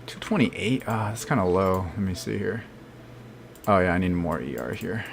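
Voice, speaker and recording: A man's voice: sits low, animated, normal speed, vocal fry, a little hiss or hum. A man streaming a game, thinking aloud casually and answering chat questions. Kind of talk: live gameplay commentary.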